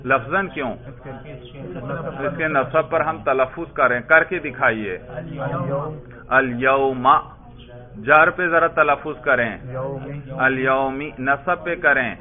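A man teaching an Arabic grammar lesson, quizzing students and pressing them for reasons. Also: on the high side. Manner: calls students brother. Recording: tinny phone-like audio.

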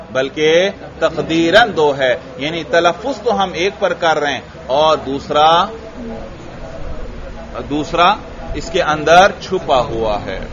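A man teaching a grammar lesson to a class, often asking students questions and repeating their answers. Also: a little high. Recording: dull lo-fi recording.

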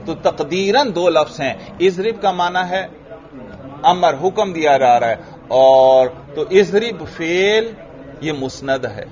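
A man's voice: a little high, lively intonation, a little mellow. A man teaching a grammar lesson to a class, often asking students questions and repeating their answers. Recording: dull lo-fi recording.

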